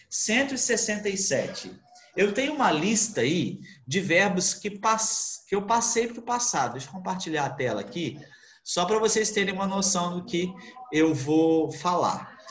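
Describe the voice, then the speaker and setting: A man, an English teacher, explaining grammar in an online class, asking questions and answering them himself. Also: high voice. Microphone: computer mic on video call. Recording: roomy video call audio.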